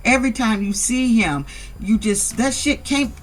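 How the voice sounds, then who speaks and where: A casual reality TV recap vlog, delivered in a voice of ordinary middle pitch. The speaker is blunt and heavily profane, with sassy, exasperated asides throughout. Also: moderate pace. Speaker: reality show recap vlogger.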